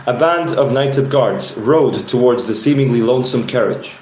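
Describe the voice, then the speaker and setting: A man reads his own fantasy novel aloud at an average pitch. The reading is unpolished, and he sometimes stumbles and corrects himself. The room sounds echoey, with a faint hiss in the background. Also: normal speed. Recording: roomy, with faint background noise.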